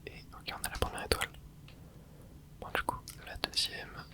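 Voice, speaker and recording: Whispering at a moderate pace, a gaming creator hosts an ASMR let's play in a voice that stays breathy and unvoiced. Soft and casual, the commentary moves along through short remarks and little interjections.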